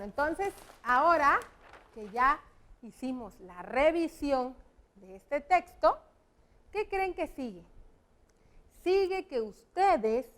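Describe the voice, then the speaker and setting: Slow, high-voiced woman teacher. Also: fairly bright tone. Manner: patient, explains slowly and clearly. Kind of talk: classroom lesson for children.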